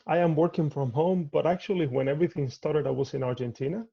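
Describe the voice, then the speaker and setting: Cuban-born artist guy on a video call, measured and thoughtful, kinda gravelly, muffled call audio. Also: on the high side. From Cuba. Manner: measured, thoughtful, with frequent restarts. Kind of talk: interview over video call. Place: home.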